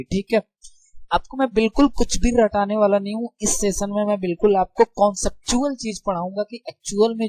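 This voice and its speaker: A man's voice: high-pitched, no room sound. Friendly male teacher asking rhetorical questions. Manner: keeps asking rhetorical questions and checking with the listener; friendly and informal with students. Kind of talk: casual classroom explanation.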